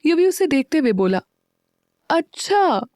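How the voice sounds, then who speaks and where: A woman's voice: medium pitch, normal speed, warm tone, no room sound, studio quality. A woman narrating a romance audio story and voicing all its characters. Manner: voices all characters herself.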